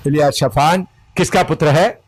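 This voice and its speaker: A man teaching a Bible study, slowly giving verse references, pausing as he writes and correcting himself. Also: fairly high pitch, a little hiss or hum. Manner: deliberate, pauses while writing, self-correcting.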